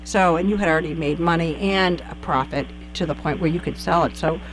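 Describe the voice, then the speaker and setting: A woman's voice: sits low, fairly quick, slight background noise, rough recording. A woman hosting an interview, chatty and inquisitive, who asks long winding questions. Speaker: podcast host. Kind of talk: conversational interview.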